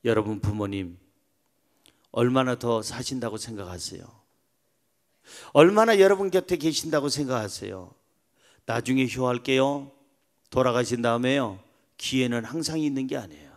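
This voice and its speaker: A pastor preaching a sermon emphatically, moving between soft asides and loud exclamations. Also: male voice, mid-range voice, moderate pace, pauses often.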